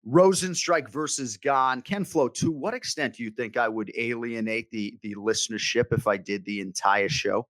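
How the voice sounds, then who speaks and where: Male podcast co-host, mid-pitched, teasing banter, dry close mic. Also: fairly bright tone, no room sound. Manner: jokey, teasing, quick banter. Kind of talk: casual sports podcast chat.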